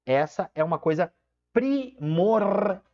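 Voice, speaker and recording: A man gives an online lesson in a slightly raised, very animated voice. He stretches out key words and keeps checking in with his students. The recording sounds dull and lo-fi. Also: high voice. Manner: explains step by step, keeps checking in with "tá?"; drawn-out emphasis on key terms. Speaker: teacher.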